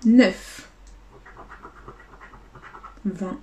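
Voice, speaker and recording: A woman's voice: medium pitch, drawn-out words. Woman calling out scratch-card letters, echoey room. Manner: calls out letters and numbers one by one, often quietly. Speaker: YouTuber scratching lottery tickets. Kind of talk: casual scratch-card commentary.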